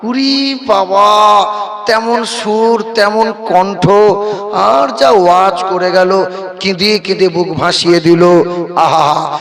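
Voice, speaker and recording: Bardhaman bengali guy preaching at a gathering on a pa mic, high voice, jokes and quizzes the crowd, chants verses, crowd noise all around. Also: steady tone, slow. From Bardhaman, West Bengal. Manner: joking, quizzes the audience, sings the verses. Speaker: Islamic preacher. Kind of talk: sermon with chanted recitation. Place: religious gathering before an audience.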